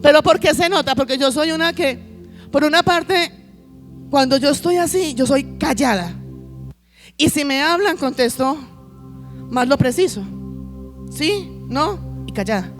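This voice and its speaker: A woman's voice: sits high, animated, unhurried, long pauses, faint music behind. A woman pastor preaching a sermon, piling up lists and asking the congregation rhetorical questions.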